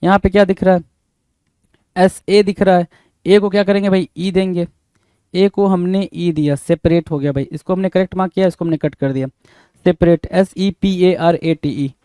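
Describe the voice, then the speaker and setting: A man's voice: sits high, fairly even intonation, mellow, smooth, no room sound. Man spelling words letter by letter. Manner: spells words letter by letter, repeats and marks answers; brisk, addresses students as "bhai". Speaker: English teacher.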